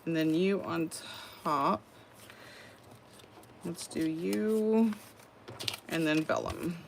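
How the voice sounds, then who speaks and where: A chatty, folksy middle-aged woman with a Southern US accent rambles and laughs as she crafts. Her voice sits a little low. A faint hiss runs under it. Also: very slow, gravelly. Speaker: craft livestream host. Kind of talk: casual chat while crafting.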